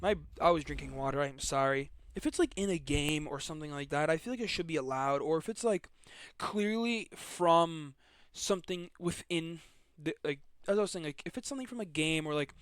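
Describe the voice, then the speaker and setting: A young man chatting casually while he plays a game, rambling and tripping over his words as he goes. His voice sits a little high for a man. Faint game noise sits behind him. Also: a little fast. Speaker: gamer. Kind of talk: casual gameplay commentary.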